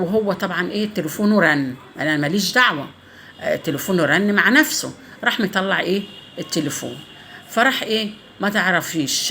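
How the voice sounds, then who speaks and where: A woman's voice: fairly low pitch, fairly bright tone, a little hiss or hum. A middle-aged woman with an Egyptian accent, telling a funny story in a casual home cooking vlog, swearing by God often. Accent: Egyptian Arabic.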